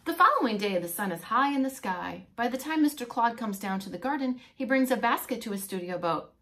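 In a small indoor room fitted with a bookshelf and a whiteboard, a preschool teacher of roughly forty reads a picture book to young children, fairly quickly and in a voice on the high side. She reads expressively and breaks off to explain words to them.

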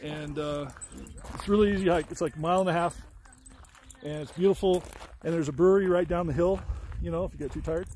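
A man's voice: a little high, fairly even intonation, fairly quick, pauses often, a little mellow, slight background noise. A man hosting a travel vlog outdoors on a hiking trail, chatting in a rambling, easygoing way full of fillers, recorded on a camera mic. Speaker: travel vlogger, host. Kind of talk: casual vlog narration on a hike.

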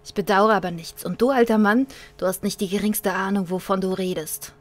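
A woman's voice: medium pitch, fairly even intonation, brisk, soft background music, close to an everyday voice. A woman voicing a young male nomad on the run, reading his lines aloud from a game story. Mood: defiant. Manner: stammering, then rebellious.

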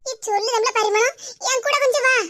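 A woman voicing a worried, soft-hearted elderly village grandmother with a Tirunelveli Tamil accent. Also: very high-pitched, brisk.

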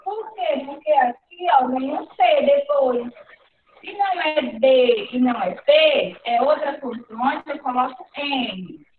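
A woman with a Brazilian accent teaching young children in an online class, patiently repeating words slowly in a sing-song way. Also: sits high, expressive, slight background noise. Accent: Brazilian Portuguese. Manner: slow, patient, sing-song word repetition. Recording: echoey, distant, phone-like online class audio.

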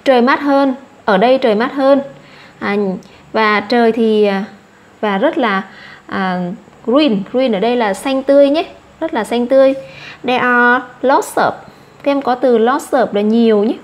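A woman with a Vietnamese accent gives an English vocabulary lesson to children. Her voice sits a little high, and she repeats each English word slowly and patiently before explaining it. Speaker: English teacher.

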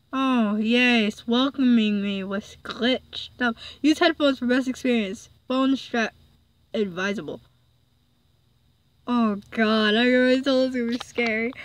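A woman's voice: on the high side, rough recording. A woman playing a horror game and commenting casually, jumping in fright often and reading the game's text aloud. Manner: jumpy, often exclaims in fright. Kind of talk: casual let's-play commentary.

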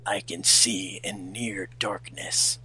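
Brooding royal cartoon hedgehog, read by a man, amateur fanfic, curt and sharp-toned. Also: low-pitched, steady tone, slow, slight background noise, voice pushed down, full character voice, rough recording. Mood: stern. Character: brooding, curt, haughty male hedgehog prince. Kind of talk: amateur fan fiction reading.

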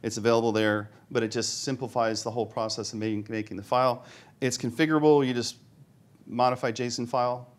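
A man speaks from a conference stage, his voice at an everyday middle pitch. He jokes with the crowd and pokes fun at himself as he types commands. He narrates each step of his live demo out loud. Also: fairly even intonation, brisk. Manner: joking, self-deprecating, thinks aloud while demoing. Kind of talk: live tech talk demo. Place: conference hall with live audience.

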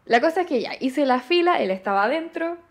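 A young Chilean woman telling a dating story in casual chat, animated and full of slang. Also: high voice, fairly quick. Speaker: podcast guest.

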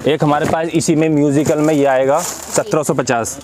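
A man, an earnest shopkeeper giving a sales pitch and repeating polite agreements. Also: steady tone, normal speed, darkish tone. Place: crowded baby goods shop, indoors. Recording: noisy shop background.

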